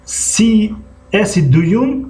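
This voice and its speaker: A man's voice: high-pitched, animated, dark tone. Man with a Tajik accent teaching, repeating words. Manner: slow, repeats words over and over for students. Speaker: English teacher. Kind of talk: classroom language lesson.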